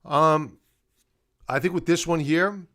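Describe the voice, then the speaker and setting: Talking slowly in a fairly bright voice that sits on the high side, a middle-aged man runs a live market analysis stream. He improvises his commentary, chatting with viewers and explaining in halting, conversational bursts.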